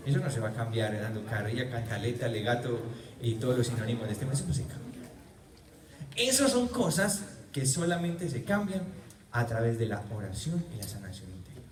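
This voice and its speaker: A man's voice: mid-range voice, animated, fairly quick. A man preaching at a healing retreat, telling personal stories with humor and repeating key words for emphasis. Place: parish church. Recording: roomy church, mic far off.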